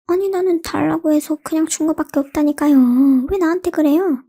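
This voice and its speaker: A poor young taffy seller man, tearful and pleading, played by a woman reading aloud in a storybook. His voice stays high and mellow as he complains about his troubles. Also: brisk.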